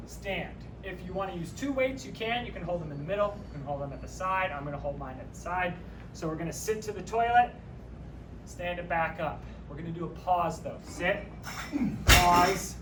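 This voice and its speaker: A man's voice: sits high, lively intonation, a little fast, far from the mic, noisy background. A man leading a workout class, joking and counting reps while exercising and a little out of breath. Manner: upbeat, joking coach talk, counting reps. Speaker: fitness instructor. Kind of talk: guided workout instruction. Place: empty room. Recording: echoey room, from away from mic.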